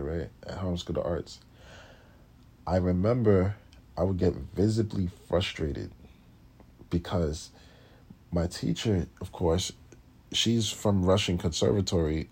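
A low-voiced man tells his story as a classical pianist, blunt and profane. His voice sits deep and has a husky edge. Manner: blunt and profane, with animated impressions of others. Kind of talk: casual storytelling.

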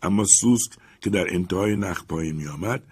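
A man narrating an audiobook in a measured, dramatic reading. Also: deep voice, a little mellow, slightly rough. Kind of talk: audiobook storytelling.

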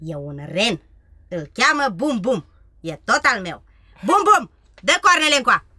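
A woman's voice: medium pitch, big pitch swings, bright, forceful tone, no room sound, studio quality. A woman playing a bold, cheeky young robber girl who teases, bosses and laughs often in a radio play. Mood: mischievous. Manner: teasing, bossy, laughs often.

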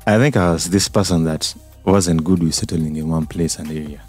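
A man from Uganda, a singer-songwriter guest on a radio interview, relaxed and hesitant with many ums. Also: sits low, normal speed, soft background music.

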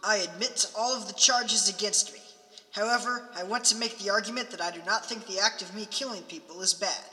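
A man's voice: high voice, brisk, bright, forceful tone, big-room sound, poor audio. A man voicing the Grim Reaper as a boastful, unrepentant ancient skeleton in a homemade cartoon. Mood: calm.

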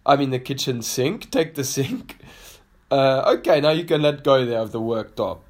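A man imitating a gentle male South African ballet teacher who softly whispers instructions. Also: mid-range voice, expressive, moderate pace, natural voice. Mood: gently instructive.

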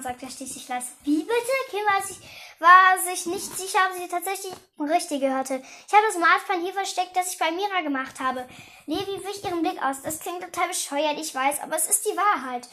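A young woman with a very high voice reads a children's detective story aloud. She stumbles and restarts now and then, and gives the characters light voices as she goes. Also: bright, forceful tone, slight background noise. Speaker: reader. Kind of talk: reading a children's book aloud.

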